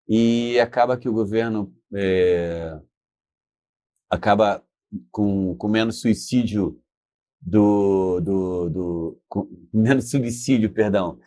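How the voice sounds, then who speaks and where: Born in Espírito Santo, Brazil, this middle-aged man is a business founder appearing as an interview guest and telling stories casually. His voice is low-pitched and dark, and his delivery is halting and repetitive, often with tag questions seeking agreement. The recording is studio quality with no room sound.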